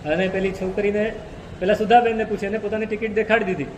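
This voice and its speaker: A man's voice: high voice, little pitch movement, fast, slight background noise. A man preaching a sermon, telling a story and repeating key phrases for emphasis. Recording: echoey hall reverb.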